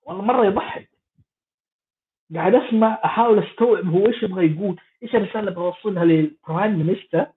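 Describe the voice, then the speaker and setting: A man's voice: high-pitched, rapid-fire. A man giving sarcastic, mocking political commentary in a rambling way. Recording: tinny phone-like audio.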